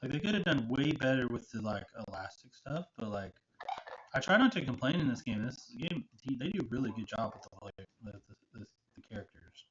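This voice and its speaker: A man's voice: medium pitch, very animated, brisk, fairly bright tone. A man streaming a video game, chatting casually and rambling with lots of fillers and restarts. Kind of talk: casual gaming chat. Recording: muffled with faint noise.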